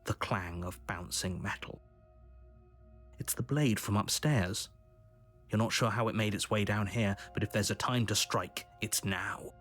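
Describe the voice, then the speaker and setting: An actor playing a stern, disapproving narrator in a video game, telling the tale gravely with exasperation. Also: male voice, on the low side, a little slow, fairly bright tone, soft background music. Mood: grim, dramatic.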